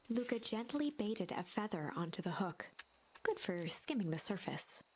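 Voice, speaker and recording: A woman's voice: mid-range voice, sing-song, moderate pace, a little hiss or hum, lightly acted. A woman reading scripted storybook narration for a video game. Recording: music behind the voice. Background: game music.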